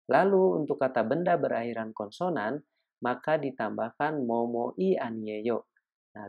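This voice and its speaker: Slow, gravelly man teaching grammar. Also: medium pitch, lo-fi sound. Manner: careful, repeats each example slowly. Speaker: Korean language teacher. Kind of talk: explaining grammar with slow example sentences.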